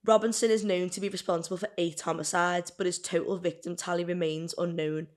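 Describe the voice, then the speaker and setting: A woman's voice: fairly low pitch, steady tone, fairly quick, darkish tone. A woman co-hosting a podcast, reading a true-crime case from notes in a casual chatty way, now and then stumbling over words. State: burping and hiccuping. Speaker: podcast co-host telling the case.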